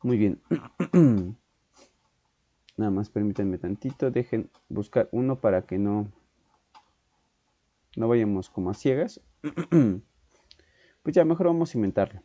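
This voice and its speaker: A man teaching a physics class, often clearing his throat, correcting himself and checking in with "ok". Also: fairly low pitch, lively intonation, takes it slowly, pauses often, dark tone, no room sound, highs cut off. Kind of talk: online exam-prep physics lesson.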